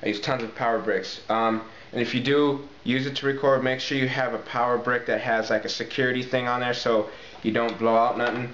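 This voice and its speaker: Level in tone, fairly quick and a bit bright, a mid-range male voice walks viewers through a hands-on talk box tutorial. He keeps it informal, addressing everyone as "guys" and restating key points for emphasis, all on muffled, echoey, noisy amateur audio.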